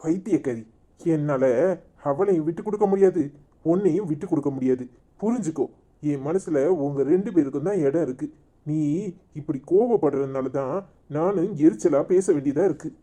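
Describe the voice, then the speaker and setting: A man's voice: fairly high pitch, brisk, warm tone, natural voice. A man voicing a scolding village husband torn between two wives, with a Tirunelveli Tamil accent. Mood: exasperated. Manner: scolding, name-calling. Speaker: voice actor in a cartoon comedy. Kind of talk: village cartoon drama.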